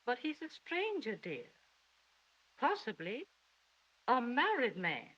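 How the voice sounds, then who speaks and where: A woman's voice: a little high, wildly swooping pitch, slow pace, fairly bright tone, breathy edge, heavily acted. A soothing, protective mother. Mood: tender. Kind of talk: 1930s film acting. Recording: dull 1930s film soundtrack.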